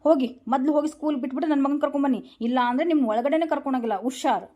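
A woman's voice: high-pitched, mellow, natural voice. A woman voicing an exasperated mother who scolds her husband in a comedy cartoon dub. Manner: exasperated, quick. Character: scolding young mother, Raji.

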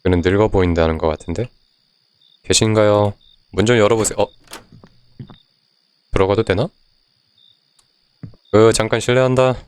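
Male game streamer, lowish voice, loose chatty commentary, reads on-screen text aloud, quick to curse and yell. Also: clear, resonant tone. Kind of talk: casual let's-play commentary.

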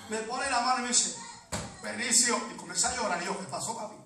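Echoey, shouting preacher. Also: male voice, very high-pitched, quick pace. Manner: storytelling that builds to shouted calls for praise. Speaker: evangelist. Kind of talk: sermon. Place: large church hall. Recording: echoey hall, mic from a distance, congregation noise.

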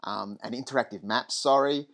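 A man talking through a screen-recorded teaching tutorial in a relaxed, rambling way. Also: medium pitch, moderate pace. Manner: relaxed, lots of ums and restarts.

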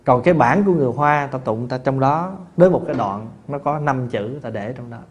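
A man, a Buddhist monk teacher giving a dharma talk in a folksy, conversational way, with many fillers and restarts and lively anecdotes. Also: mid-range voice, fairly quick. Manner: tells lively anecdotes with laughter. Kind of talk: dharma talk answering questions.

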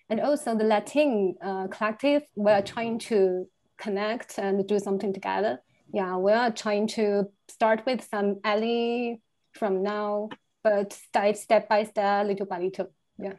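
Woman on a zoom panel, halting english, lots of uhs, mid pitch. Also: darkish tone. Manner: hesitant, many fillers and restarts in English. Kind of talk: panel discussion on video call. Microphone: video call.

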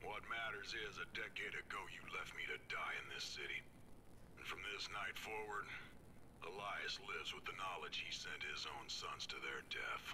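An actor playing a cold, vengeful older villain soldier in a video game, threatening in a quiet deadpan. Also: male voice, sits low, moderate pace, a little hiss or hum, low-quality recording. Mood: quietly menacing.

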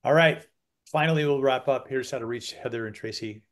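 A man's voice: mid-range voice, brisk. A man hosting an online webinar over a video call, talking loosely and chattily with lots of fillers. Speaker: webinar host. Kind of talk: casual webinar moderating.

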